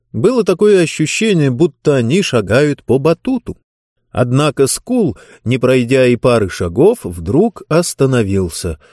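Male storyteller, mid-pitched, animated and dramatic, dry close-mic read. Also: no echo. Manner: expressive, with lively dramatic intonation. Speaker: audiobook narrator. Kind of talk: scripted narration of a fantasy story.

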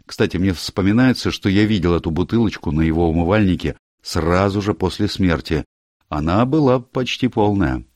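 A man reading as a dry, measured old-school doctor. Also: sits low, animated, darkish tone, no echo, voice pushed up. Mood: explaining calmly. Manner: measured, dry, mildly surprised. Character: calm, careful middle-aged male country doctor. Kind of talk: audiobook character reading.

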